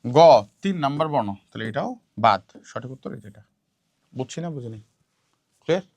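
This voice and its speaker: A man's voice: medium pitch, expressive, a little fast, gravelly, dry recording. A man teaching a grammar lesson for exam prep, repeating key points and quizzing students, dropping in English words. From Bangladesh.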